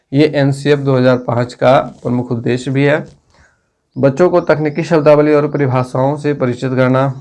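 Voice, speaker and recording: A man's voice: mid-range voice, creaky, darkish tone. A man teaching an exam-prep lesson, reading out each question and its options and then explaining the right answer in a plain, methodical way. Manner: methodical, plain-spoken, addressing students directly.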